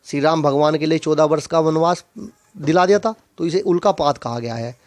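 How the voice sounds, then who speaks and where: A male teacher explaining a Hindi poem line by line, reciting verses and then repeating key phrases to make them clear. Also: a little high, brisk, dry recording. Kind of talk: poetry lesson explanation.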